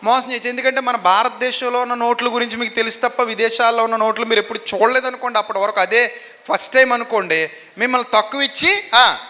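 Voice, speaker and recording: Animated man preaching in a reverberant hall. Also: very high-pitched. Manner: animated, questions the congregation and has them answer. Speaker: pastor. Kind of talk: sermon.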